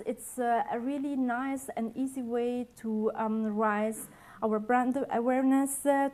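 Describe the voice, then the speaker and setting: A woman's voice: a little high, a little mellow. Hesitant woman presenting. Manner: hesitant, many fillers and restarts, non-native phrasing. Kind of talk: conference presentation. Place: conference hall.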